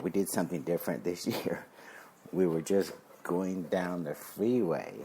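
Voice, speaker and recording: A man's voice: sits low, darkish tone, slight background noise. A man who owns a security business talks casually and rambles with little chuckles. He is a bit out of breath from wiping down his car outdoors. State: slightly out of breath while cleaning. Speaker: surveillance company owner. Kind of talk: casual promotional talk.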